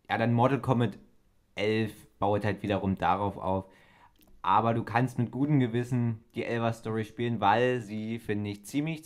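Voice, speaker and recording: A man of about twenty chatting on a podcast, explaining eagerly and correcting himself as he goes. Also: on the low side. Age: 20s. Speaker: podcast co-host. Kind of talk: casual chat.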